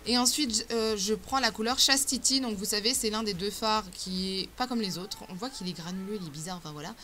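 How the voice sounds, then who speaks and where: Chatty woman vlogger: bright, tense tone, casual tutorial talk, frequent fillers and self-corrections. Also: mid-range voice, fairly quick, slight background noise. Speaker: beauty vlogger. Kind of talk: casual makeup tutorial chat.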